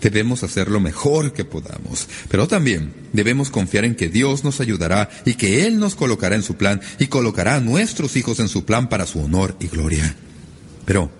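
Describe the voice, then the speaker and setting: Lively low-voiced man preaching a sermon. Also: breathy edge. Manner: lively, emphatic preaching with sudden rises in pitch. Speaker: pastor.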